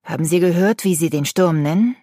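A woman reading an audiobook voices a gruff middle-aged male driver who grumbles slowly. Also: a little high, dark tone, dry recording, clean studio sound, close to an everyday voice. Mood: grumbling.

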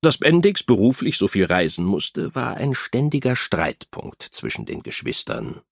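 A man narrating an audiobook with an expressive storytelling delivery. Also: on the low side, measured pace, gravelly, husky, no room sound, studio quality.

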